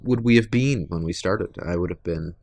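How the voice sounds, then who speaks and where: A man in his late twenties co-hosting a film podcast, replying in a laid-back, soft-spoken way. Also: low-pitched, moderate pace. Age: 20s. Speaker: podcast co-host. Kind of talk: casual chat.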